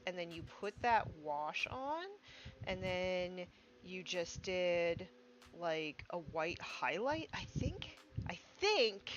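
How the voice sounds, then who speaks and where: While painting miniatures on a livestream, a woman rambles through casual chat packed with "um" and "like," sounding congested. Her voice is fairly low and a bit bright. The recording is muffled, with slight background noise and music.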